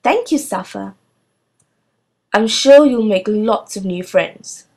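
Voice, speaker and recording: A woman voicing a kind, jolly middle-aged schoolteacher who speaks in a bright, exclaiming way. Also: medium pitch, lively intonation, slow. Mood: calming.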